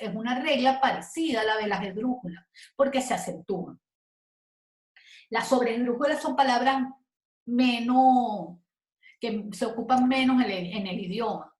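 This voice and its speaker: A woman teaching a spoken grammar lesson, going slowly and carefully and stretching example words out syllable by syllable. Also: fairly high pitch. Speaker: Spanish teacher. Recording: echoey room.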